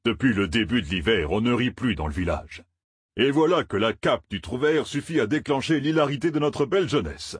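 A man's voice: mid-range voice, lively intonation, brisk, husky, no room sound, voice pushed up. A man voicing a portly, pompous village mayor with a disapproving tone.

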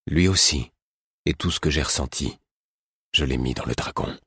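A man voicing a weary, grave aging king who speaks low and tired. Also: slow, vocal fry, pushed and bright, slightly rough, no room sound, clean studio sound, heavily acted.

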